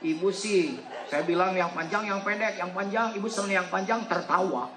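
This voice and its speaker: His voice sits high and moves at a moderate pace as this West Javan preacher jokes his way through a sermon. He ribs the congregation and prompts them to call back answers. Recorded in an echoey hall, a faint crowd can be heard.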